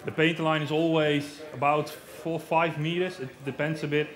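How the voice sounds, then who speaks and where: A safety equipment rep in his thirties with a Dutch accent gives a live stage demonstration inside a large marquee at an outdoor show, using a headset mic and explaining plainly with plenty of fillers. His voice is a little high, with little pitch movement and a moderate pace.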